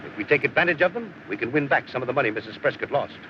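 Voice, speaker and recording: A man's voice: mid-range voice, animated, racing, close to an everyday voice. An actor playing a scheming middle-aged father, cocksure and insistent, in 1940s screwball comedy film banter. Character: scheming, cocksure father pushing a numerology gambling system. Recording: muffled, noisy 1940s film soundtrack.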